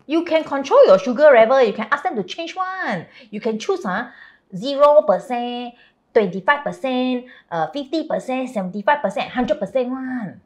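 A woman's voice: high-pitched, expressive, moderate pace. A woman playing a chatty, blunt Singaporean character in a comedy series, speaking colloquial Singlish with lah and lor. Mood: helpful. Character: chatty, blunt Singaporean Indian woman raised in a Chinese household. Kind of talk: scripted comedy series dialogue.

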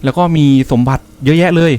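A man reading aloud the lines of a lonely, helpful male guard in a video game, with halting fillers. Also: a little high, steady tone, darkish tone, lightly acted.

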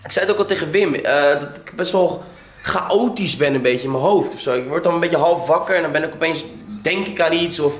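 A man's voice: fairly high pitch, brisk, roomy sound. A young man chatting casually to his viewers in a vlog, rambling and addressing them directly. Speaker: vlogger. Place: indoors at home.

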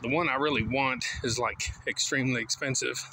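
Holding his phone at arm's length, a middle-aged vlogger walks down a suburban street and rambles easygoing in a casual walking monologue, full of fillers. His medium-pitched voice is steady, fairly quick, pushed and bright. The recording is rough, with a little hiss or hum.

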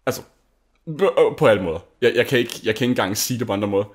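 A man's voice: on the low side, husky. A young man from Denmark hosting a gaming channel, chatting casually over gameplay in a rambling, gushing way full of fillers and restarts.

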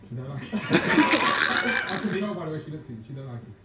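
A man's voice: medium pitch, expressive, fast talker, reverberant, distant mic, very noisy. A man bantering and teasing his friends during a dating game. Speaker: dating show contestant.

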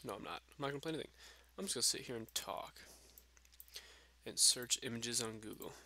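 A man's voice: mid-range voice, brisk, sharp tone, slight background noise. A drunk young man rambling casually and swearing through a gaming vlog, recorded on a substitute microphone. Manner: profane, aimless rambling. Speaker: gaming vlogger. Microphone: makeshift substitute microphone, screen-capture voice-over.

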